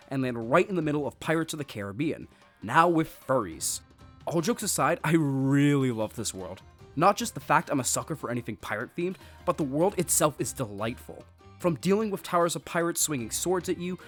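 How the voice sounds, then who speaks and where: Male game reviewer, sarcastic and jokey, animated pitch, scripted voice-over with low music bed. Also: husky. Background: faint background music.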